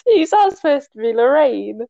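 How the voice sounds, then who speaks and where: A woman guest chatting on a podcast, giggling and playing herself down. Her voice is high and sounds close and dry. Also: very animated, normal speed, gravelly, mellow, no echo, dull audio. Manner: self-deprecating, giggly. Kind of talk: casual chat.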